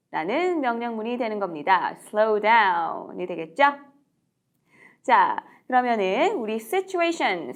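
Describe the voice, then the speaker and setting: A woman giving a recorded English lesson in a fairly high voice. Her pitch rises and falls a lot. She speaks slowly and repeats each English phrase clearly for learners, in a friendly, encouraging teacher's tone. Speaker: English teacher and book author. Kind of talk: recorded video lecture.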